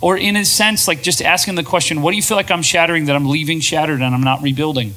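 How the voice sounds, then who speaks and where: A man co-hosting a talk show, speaking in a casual, animated way to a room of listeners and slipping into quoted voices. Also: on the high side, quick pace, rough recording. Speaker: podcast co-host. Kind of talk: casual talk to a live audience. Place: room with an audience.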